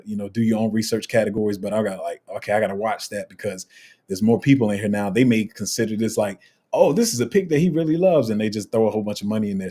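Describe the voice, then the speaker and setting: A man with a low, slightly husky voice hosts a casual livestream. He reads viewer comments aloud and answers them in a loose, rambling way, full of ums and restarts. His delivery stays relaxed and conversational throughout. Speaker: crypto livestream host.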